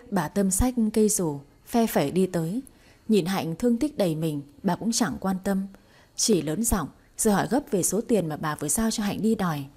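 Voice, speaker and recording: A woman narrating a romance audiobook in a steady, unhurried storytelling manner. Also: medium pitch, slightly rough.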